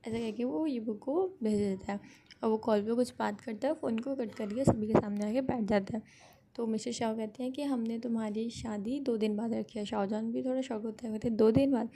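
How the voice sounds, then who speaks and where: A woman's voice: on the high side, a little fast, warm tone. A woman casually retelling a fan fiction story, chatty, often correcting herself mid-sentence. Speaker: narrator.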